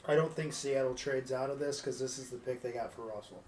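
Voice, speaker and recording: A man's voice: medium pitch, fairly even intonation, a little fast, a little mellow. A man in a casual discussion, making brief and blunt remarks. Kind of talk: casual draft pick discussion. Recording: echoey room with faint hiss.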